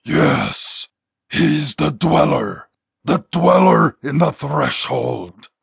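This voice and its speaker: A man's voice: on the high side, expressive, very slow, no room sound, clean studio sound, voice pushed up, full character voice. A man voicing a broken but defiant male demon spirit in an audiobook, with strained, reluctant answers. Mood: grudging. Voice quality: gravelly, breathy rasp. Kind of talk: audiobook character voice.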